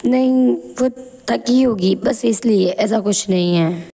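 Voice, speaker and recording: A woman voicing a harsh middle-aged mother-in-law in an animated moral story, who scolds with sharp taunts. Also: a little high, takes it slowly. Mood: soft.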